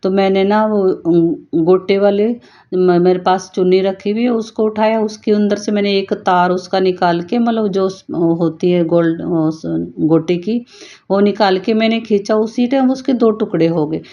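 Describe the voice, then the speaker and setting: A woman giving an earnest personal devotional testimony, talking in a halting way with frequent restarts. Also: medium pitch, dark tone. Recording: dull lo-fi voice note.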